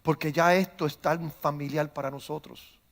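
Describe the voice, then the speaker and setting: A pastor with a high, ringing voice and some vocal fry preaches to his church congregation at a moderate pace. He tells stories, acts out their voices, and shifts from calm speech to loud, fervent preaching.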